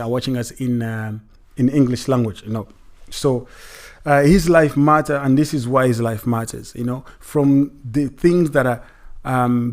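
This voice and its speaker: A male livestream host with a middle-range voice who talks in a halting, repetitive way. He circles back over phrases and leans into preacher-like emphasis. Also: medium pitch. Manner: hesitant, repeats phrases, many fillers. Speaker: show host. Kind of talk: livestream commentary.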